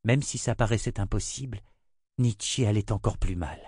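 A man narrating an audiobook in a steady, measured reading. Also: fairly low pitch, husky, no room sound, clean studio sound. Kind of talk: scripted narration.

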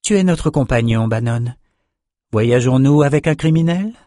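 A man's voice: mid-range voice, animated, moderate pace, dark tone, no room sound, clean studio sound, close to an everyday voice. A man voicing a stern, commanding sorceress in an audiobook, blunt and probing. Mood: firm. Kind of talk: audiobook character voice.

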